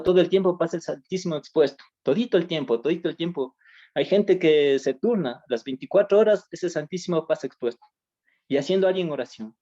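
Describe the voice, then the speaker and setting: A man's voice: high voice, warm tone. A man sharing his life story as an interview guest. He speaks earnestly in casual conversation and often repeats phrases as he goes. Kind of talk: personal testimony in casual conversation. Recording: dull lo-fi audio.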